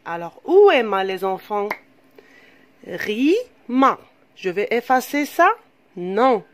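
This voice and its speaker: Very animated and mid-range, this woman's voice carries a reading lesson for young children. She is a primary school teacher with an Algerian French accent who stays slow and patient, repeating material and asking her pupils questions throughout.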